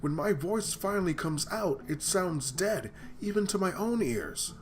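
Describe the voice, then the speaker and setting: A man's voice: high-pitched, animated, measured pace, a little hiss or hum. A man reading a visual novel aloud for his gaming channel, voicing the lines dramatically and breaking off for joking asides.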